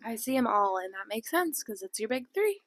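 A woman's voice: on the high side, sing-song, brisk, fairly bright tone, no echo. A young woman co-hosting a podcast, chatting casually and teasing her friend. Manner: teasing, playful, lots of "like". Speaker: podcast co-host. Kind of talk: casual chat.

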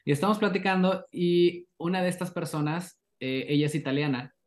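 A man with a Mexican accent, a guest on a podcast, telling lively anecdotes and acting out the dialogue in them. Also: fairly high pitch, brisk. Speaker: animator guest. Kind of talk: casual podcast interview.

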